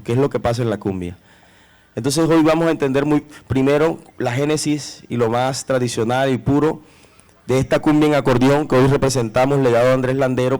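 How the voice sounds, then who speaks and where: A man's voice: medium pitch, a little mellow. A man with a Colombian Caribbean Spanish accent giving a public talk as a musician and host, in reverent, rhetorical phrasing. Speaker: musician and host presenting his group. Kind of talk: public talk introducing cumbia tradition.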